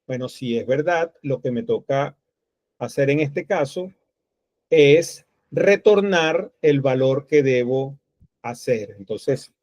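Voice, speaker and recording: A man's voice: medium pitch, slow pace, darkish tone, dry recording. A man teaching a programming class, thinking aloud step by step while he types code. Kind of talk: screen-recorded coding tutorial. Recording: dull, lo-fi dry recording.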